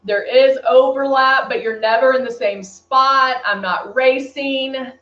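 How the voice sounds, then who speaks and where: A beauty brand presenter with a Texan accent chats with viewers' comments during a live makeup tutorial. She has a high-pitched, steady, slightly bright voice and an unhurried delivery, captured as dull lo-fi stream audio in an echoey room.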